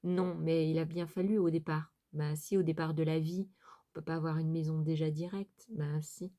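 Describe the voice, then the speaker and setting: A middle-aged woman from France talks to her craft channel's viewers in a low, mellow voice. She rambles casually, circling back with fillers and restarts. Her tone stays soft and unhurried, never sharp. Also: steady tone. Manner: hesitant, many fillers and restarts, chatty asides. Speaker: sewing and crafts vlogger.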